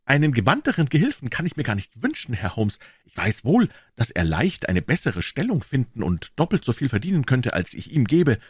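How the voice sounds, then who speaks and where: A man voicing an excitable middle-aged pawnbroker who talks in high, eager exclamations in an audiobook. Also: a little fast, hardly any pauses, breathy edge, dry recording, clean studio sound. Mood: chatty. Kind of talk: audiobook character voice.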